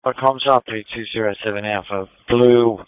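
A man's voice: medium pitch, fairly even intonation, normal speed, clean tone, dry recording. A man calling in over a crackly two-way radio with clipped radio procedure. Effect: crackly two-way radio transmission. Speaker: fire crew radio operator. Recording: narrow tinny radio line, dry.

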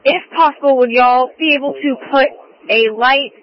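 A man's voice: very high-pitched, moderate pace. A man working as a Coast Guard radio operator, speaking in clipped, formal radio procedure over a marine radio transmission. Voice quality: crisp, formal call-and-response phrasing. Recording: muffled dry radio audio.

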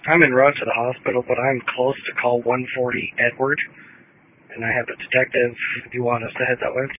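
A man's voice: medium pitch, little pitch movement, a little fast, no room sound. A man speaking as a police officer over a police radio, calling in terse codes in a clipped, matter-of-fact way. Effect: police radio transmission. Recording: tinny, dry radio channel.

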